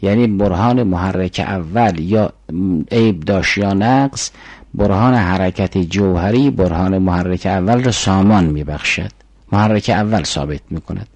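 A man's voice: sits low, a little mellow, dry recording, low-quality recording. An older man giving a formal philosophy lecture, explaining arguments step by step and reciting Arabic syllogisms.

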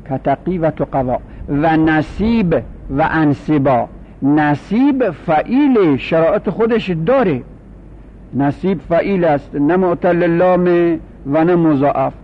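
A man teaching a grammar class, explaining slowly and repeating each form for his students. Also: on the high side. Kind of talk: classroom lecture. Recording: dull lo-fi recording with faint hum.

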